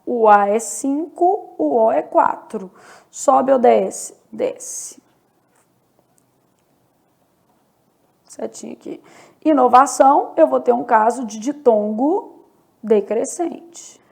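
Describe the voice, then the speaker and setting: Woman teacher, online lesson, gravelly voice, unhurried delivery, step-by-step explaining. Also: high voice, animated, darkish tone. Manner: explains step by step, often checks in with the viewer. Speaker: Portuguese teacher. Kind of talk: online exam-prep lesson.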